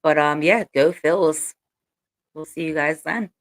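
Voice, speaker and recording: A woman hosts a sports podcast with a teasing, giggly manner. Her voice sits a little low for a woman. The sound is close and dry, without room echo. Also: measured pace. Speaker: podcast co-host. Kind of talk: casual sports podcast banter.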